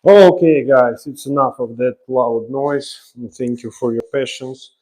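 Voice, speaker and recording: A drywall installer hosting a live stream speaks slowly in a mid-range voice with a Ukrainian accent. Working indoors in a laundry room under renovation, he gives casual commentary, pausing as he handles his tools. Music plays underneath, and the recording is rough.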